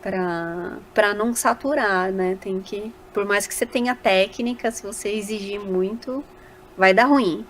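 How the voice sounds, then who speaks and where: Here a Brazilian woman guesting on a podcast interview relates her stories with animation, voicing little quoted bits as a voice actor would. Her pitch is medium, her pace measured, and there's slight background noise.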